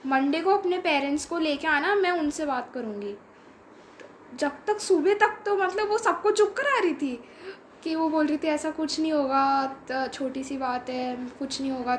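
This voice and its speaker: A young woman chattily telling a funny school story, laughing often and using many fillers. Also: high voice. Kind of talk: casual storytelling of a school memory. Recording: roomy with faint background noise.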